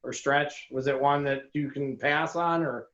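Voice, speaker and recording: A man co-hosting a podcast in casual chat, animated and opinionated, given to ranting. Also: mid-range voice, measured pace. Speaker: podcast co-host. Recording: echoey, dull lo-fi sound.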